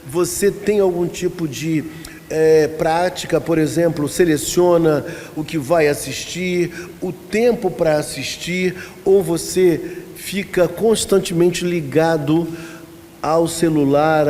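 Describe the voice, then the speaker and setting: A Brazilian man leads a church lesson as its pastor, talking conversationally, asking the room questions and telling little stories. His voice sits a bit high yet sounds mellow. It rings out in a reverberant church hall with a faint hiss underneath. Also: measured pace. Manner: asks the congregation questions and tells anecdotes. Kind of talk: conversational Bible-study lesson.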